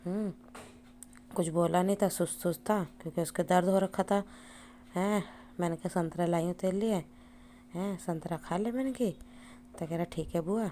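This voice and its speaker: Chatty woman vlogger, low voice. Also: moderate pace, pauses often, warm tone, slight background noise. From India. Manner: chatty, repeats "हैं" and "hmm" as fillers. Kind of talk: casual family vlog narration.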